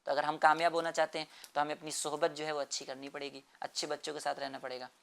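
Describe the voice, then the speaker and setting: A man's voice: fairly high pitch, level tone, creaky, fairly bright tone, clear, resonant tone. A man explaining a moral lesson to children in an earnest way, repeating phrases and often checking with "right?".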